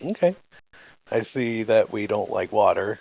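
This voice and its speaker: Gravelly man asking curious questions. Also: fairly low pitch, expressive, measured pace, darkish tone, poor audio. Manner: casual, curious, asks lots of questions. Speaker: player. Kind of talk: casual tabletop game play.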